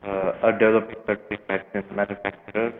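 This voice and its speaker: A man calling in by telephone to speak as a vaccine manufacturer on a panel, hesitant with many filler pauses, his phone held away from his mouth so he sounds distant and muffled. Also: on the low side, level tone, a little hiss or hum. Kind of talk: conference call presentation. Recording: muffled distant phone line with long reverb.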